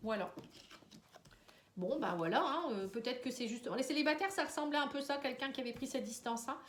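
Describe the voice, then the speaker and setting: A woman who reads tarot and oracle cards gives a casual horoscope reading to camera, chatty and tired, a bit stuffy from a cold. Her high voice is brisk and a bit bright, and she speaks straight to the viewer, tagging lines with "hein" and "vous voyez," in a roomy, resonant, echoey room.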